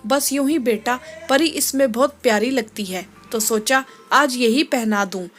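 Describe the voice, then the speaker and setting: A woman voicing a loving older grandmother in a storybook tale, who speaks softly and eagerly to please. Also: a little high, measured pace, faint music behind. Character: affectionate older grandmother, mother-in-law.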